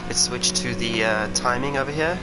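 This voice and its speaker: Streaming a sim racing game, this South African racing driver gives live commentary in a medium-pitched voice at a moderate pace. The game's engine hums underneath alongside racing car sounds.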